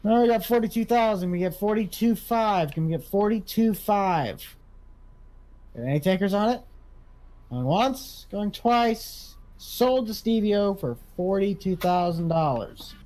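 A man's voice: high-pitched, animated, unhurried, a little mellow. A man playing a farm equipment auctioneer in a casual video game role-play, calling for bids and repeating prices. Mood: selling briskly.

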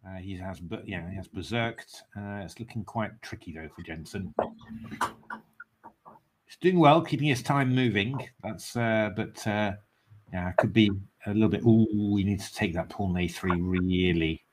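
An English man gives live commentary on online chess games, thinking aloud with plenty of fillers and breaking into excitable cheering. His voice is fairly low, his pace moderate, and the background is noisy.

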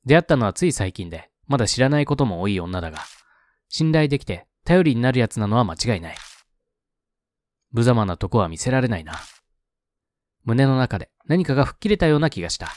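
A man's voice: medium pitch, very animated, quick pace. A man narrating a horror game's story aloud with chatty asides. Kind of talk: reading aloud with casual asides.

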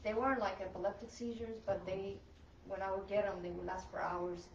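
A woman's voice: medium pitch, level tone, brisk, slight background noise. A woman sharing a personal testimony in a church group, earnest and emphatic. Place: meeting room with folding chairs. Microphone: far camera. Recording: echoey room, distant and dull.

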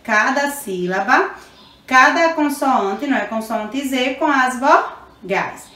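A woman's voice: sits high, animated, bright, forceful tone. A Brazilian woman teaching a remote phonics lesson to young children, stretching out each syllable and praising them fondly. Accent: Brazilian Portuguese. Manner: slow, drawn-out syllables with affectionate praise. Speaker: preschool teacher. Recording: echoey room from far off.

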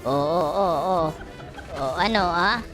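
A woman, commenting loudly on her game, laughing, swearing and teasing. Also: on the low side, expressive, unhurried. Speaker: game streamer. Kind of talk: excited gameplay commentary. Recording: loud game music behind. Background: loud game music.

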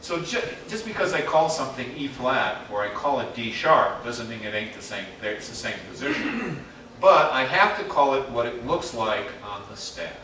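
A man's voice: mid-range voice, sing-song, normal speed, pushed and bright, slight background noise. A man teaching a music theory workshop to a class in a casual, chatty way, quizzing the students as he goes. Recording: very echoey room, mic far off.

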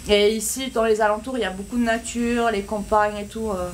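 A woman's voice: mid-range voice, level tone, brisk, slight background noise. A woman in her thirties hosting a casual live stream from her shop, chatting to viewers through a phone held at arm's length. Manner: chatty, reads out viewer questions and answers them. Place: small shop with a big front window, indoors.

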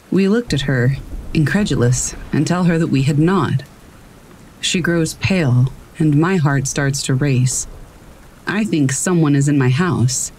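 A narrator reading scary stories aloud in a calm, measured storytelling voice. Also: mid-range voice, low-quality recording. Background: faint rain.

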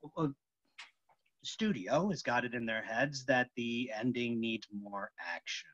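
Over muffled, dull video-call audio from his home, a man voices an intense, earnest film actor pushing for the truth in a staged reading. His mid-range voice moves at a measured pace with a fairly bright tone.

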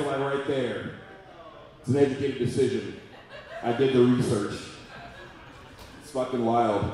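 A man's voice: on the high side, heavy reverb, distant mic, background noise. Rowdy, profane male stand-up comic. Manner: profane, rowdy, talks straight to the crowd. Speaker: stand-up comedian. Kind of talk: stand-up comedy set. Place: comedy club stage before a live audience. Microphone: handheld stage mic.

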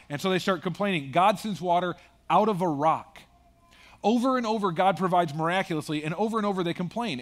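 A man pastor preaching a sermon in a conversational way, with joking asides. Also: high voice.

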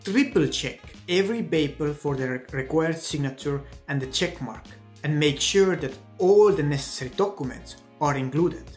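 A man's voice: a little high, animated, moderate pace, few pauses, a little mellow. A young man with an Estonian accent, giving scripted advice to camera as a video blogger. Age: young adult. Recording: music under the voice. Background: background music.

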